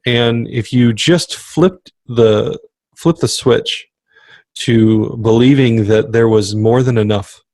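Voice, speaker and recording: A man's voice: medium pitch, takes it slowly, darkish tone, no room sound. A man co-hosting a podcast in casual chat, talking emphatically and circling back to repeat his motivational point. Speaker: podcast co-host.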